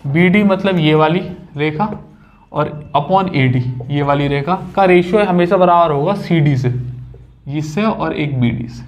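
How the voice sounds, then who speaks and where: A man's voice: fairly high pitch, a little slow, muffled recording. A young man teaching a maths lesson at a whiteboard, chatty and casual, joking with his students.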